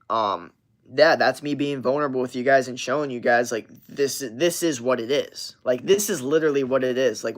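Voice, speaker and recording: A man in his twenties, hosting a livestream, rambles through a casual story with emphasis and swearing. His voice sits in the mid range and is a bit bright.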